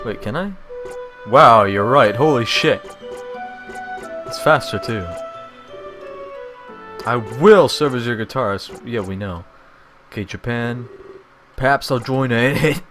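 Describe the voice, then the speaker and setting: A man doing crude let's-play commentary, mocking the game and reading its text aloud in a flat mutter. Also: medium pitch, a little slow, long pauses. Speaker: gaming YouTuber. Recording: game music playing behind the voice. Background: game music.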